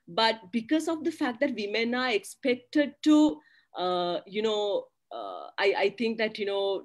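A woman in her thirties speaks as a panelist over a laptop webcam in a small curtained room. Her voice sits a touch high. She talks earnestly, leaning on "you know" and "right?" as she makes her points. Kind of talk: panel discussion on a video call. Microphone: laptop webcam on a video call.

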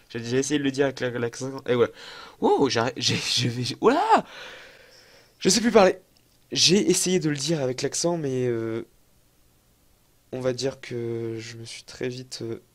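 A young man giving casual, excitable let's-play commentary on a football management game, chatty and self-mocking as he thinks aloud. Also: mid-range voice. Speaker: gaming YouTuber.

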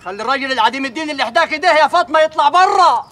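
A man's voice: extremely high pitch, lively intonation, racing, pushed and bright, soft background music, heavily acted. A man playing a stern, self-righteous village sheikh in a TV drama, speaking. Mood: reproachful. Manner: reproachful, insistent. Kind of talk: television drama acting.

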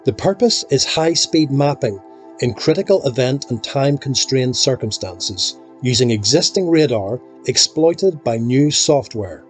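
A man reading scripted documentary narration in a measured, explanatory way. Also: medium pitch, expressive. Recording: voice-over with faint music behind.

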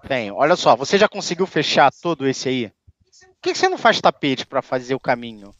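Man from Rio, game streamer, laid-back, slangy, mid-pitched, muffled dry audio. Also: very animated, brisk, fairly bright tone, no echo. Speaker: streamer, co-host. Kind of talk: casual gameplay livestream chat.

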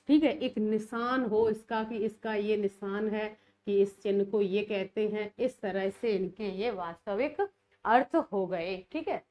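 A woman teacher giving an exam-prep lecture, often repeating key words back to her students as questions. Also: fairly high pitch.

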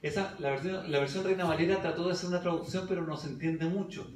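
A man's voice: on the high side, steady tone, fast, slight background noise. A man preaching a Bible study sermon in church, reading scripture aloud and questioning the congregation. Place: church hall. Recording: echoey church recording from a distance.

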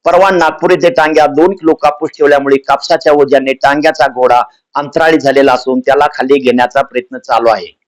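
A man's voice: mid-range voice, steady tone, fast, close to an everyday voice, low-quality recording. A man voicing a mock-solemn male ghost newsreader in a comic parody of a radio bulletin.

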